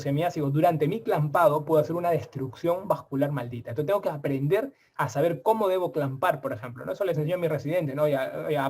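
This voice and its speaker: Surgeon lecturer, male, middle-aged, somewhat high voice, chatty and animated. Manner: lively, colloquial, keeps asking ¿ok? and ¿ya?. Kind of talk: medical exam-prep lecture.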